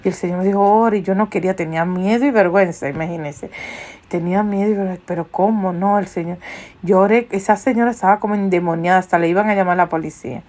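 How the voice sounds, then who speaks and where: A woman's voice: fairly low pitch, steady tone, fast talker, darkish tone. A woman leading a ministry, telling a testimony in earnest sermon style and acting out the voices in her story. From Latin America. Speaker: ministry leader.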